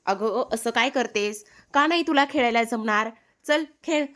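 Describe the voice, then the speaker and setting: A spirited young girl coaxes and teases in an insistent, playful way, as a woman voices her. Her voice sits fairly high. It comes across as a lively storybook retelling. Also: moderate pace, lightly acted. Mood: coaxing. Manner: coaxing, teasing insistence.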